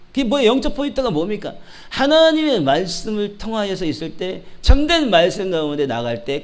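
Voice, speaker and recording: A man preaching a sermon to a congregation, asking them rhetorical questions and now and then mimicking regional dialects for humor. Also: high voice. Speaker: pastor.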